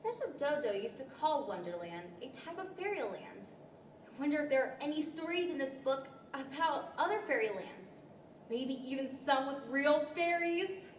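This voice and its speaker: A woman's voice: high-pitched, lively intonation, normal speed. A young woman playing Alice, a polite, curious, eager storybook girl, in earnest, old-fashioned radio-play style. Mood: musing, curious. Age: young adult. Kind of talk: 1940s radio-style stage acting. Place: library event room, indoors, live stage. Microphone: stand microphone. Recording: roomy hall with faint noise.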